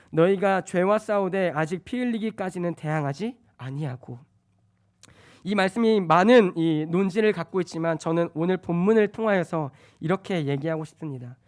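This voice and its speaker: A man preaching a sermon, swinging between loud urgent stretches and soft hushed ones. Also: on the high side.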